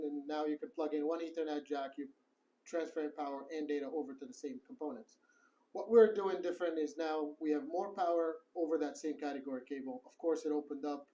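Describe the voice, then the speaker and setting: A man's voice: a little high, dark tone, poor audio. A middle-aged man from Morocco, a company co-founder, steadily explaining technical matters in an office interview. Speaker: guest, tech co-founder. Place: office in the city.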